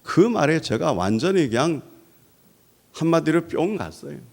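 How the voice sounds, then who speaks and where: A man preaching a Sunday sermon as pastor, swinging between hushed and loud, dramatic passages. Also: sing-song, measured pace, gravelly. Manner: preaching with dramatic swells of pitch and volume.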